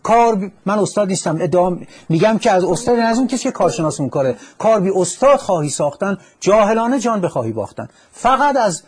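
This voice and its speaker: A male psychologist on a radio call-in show, speaking in a calm, instructive way and now and then quoting verse. His voice is slightly higher than most men's and has a husky grain. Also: hardly any pauses.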